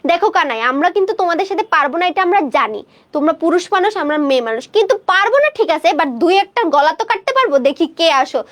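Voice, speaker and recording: A woman's voice: very high-pitched, animated, quick pace. A woman voicing a fierce widowed village woman who hurls insults at intruders. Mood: defiant. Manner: shouting insults.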